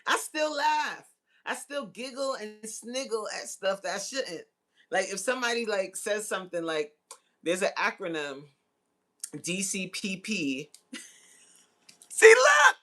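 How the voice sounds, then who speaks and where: A woman in her 40s hosts a livestream, chatting casually with live viewers and reading their comments. Her mid-range voice is sing-song, pushed and bright, slow with frequent pauses, and she's slangy, teasing and giggly.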